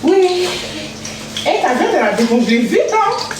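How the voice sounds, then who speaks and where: A high-voiced woman talks and sings on a live stream from her kitchen at home. She is playful and chatty. The room is very echoey, with clear noise behind her. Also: very animated, measured pace, recorded from a distance. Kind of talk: casual live stream chat.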